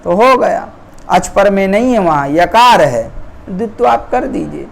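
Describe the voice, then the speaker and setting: A man with a high, expressive, gravelly voice teaches Sanskrit grammar, explaining the rules step by step. He speaks slowly and deliberately, often checking that students follow.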